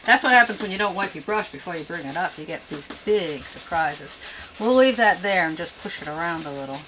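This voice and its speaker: A woman giving an unscripted painting demonstration as a gentle instructor, with homely, folksy, chatty asides. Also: fairly low pitch, expressive, brisk, slight background noise, rough recording. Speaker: painting instructor and show host.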